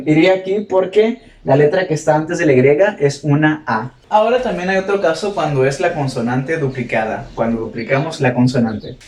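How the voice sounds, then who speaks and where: A man's voice: a little high, darkish tone, slight background noise. Male teacher in an echoey room. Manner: quizzes the students and repeats example words slowly. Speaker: English teacher. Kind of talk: classroom grammar lesson. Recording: echoey room, mic far off.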